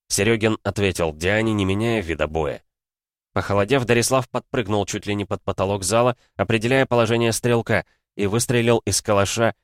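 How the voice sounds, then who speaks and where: A male audiobook narrator with a lowish voice. His reading is steady and measured. The recording is dry, with the mic close. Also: dry recording. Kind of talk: audiobook narration of science fiction. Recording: dry close studio sound.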